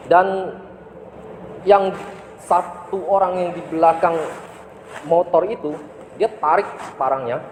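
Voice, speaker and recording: A man with a fairly high voice tells a personal story in a lively, emphatic way and keeps checking in with rhetorical questions. The room is roomy and echoey, with a long reverb tail. Faint ambient noise hums underneath. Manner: animated, emphatic storyteller with rhetorical tags and chuckles. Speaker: martial arts instructor telling a personal story. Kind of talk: casual storytelling to camera.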